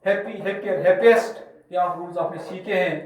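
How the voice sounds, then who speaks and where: Male teacher, from Kashmir, slow and repetitive, spells words out, echoey room, far from the mic. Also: high-pitched, fairly even intonation, darkish tone. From Kashmir, India. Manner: slow, repeats examples and spells words letter by letter. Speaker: school English teacher. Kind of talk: classroom grammar lesson.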